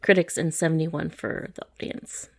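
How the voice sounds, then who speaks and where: A woman co-hosting a relaxed podcast conversation. She is chatty and agreeable and often chimes in with quick yeses. Her sentences ramble and restart the way people do in casual talk. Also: low voice, gravelly. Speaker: podcast co-host. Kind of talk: casual chat.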